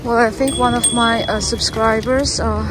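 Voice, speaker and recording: A woman giving a casual walking-tour narration outdoors on city streets, talking hesitantly with many filler pauses. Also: fairly high pitch, steady tone. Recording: street noise around the voice.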